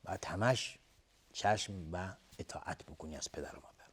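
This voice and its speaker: A man with a Persian accent teaching Quran recitation rules. He chants verses slowly and loudly, then explains each rule in quick, plain speech. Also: low voice, breathy edge.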